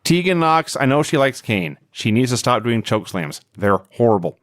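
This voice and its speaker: Lively sarcastic man recapping casually. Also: mid-range voice, normal speed, no room sound, studio quality. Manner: sarcastic, animated recapping with mock quotes. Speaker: podcast co-host. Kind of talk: casual wrestling recap chat.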